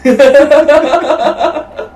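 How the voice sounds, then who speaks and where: A man's voice: extremely high pitch, drawn-out words. Chatty Kansai man in an echoey room. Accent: Kansai Japanese. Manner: relaxed, chatty, laughs easily. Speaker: podcast co-host. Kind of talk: casual chat. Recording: echoey room, mic at a distance, noisy background.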